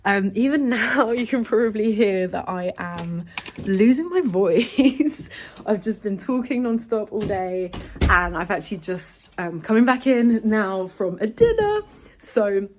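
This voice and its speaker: A woman who vlogs and speaks publicly chats cheerfully to camera, peppering her talk with "like" and "literally." Her mid-range voice is expressive and measured in pace, and a little hiss or hum sits under the recording.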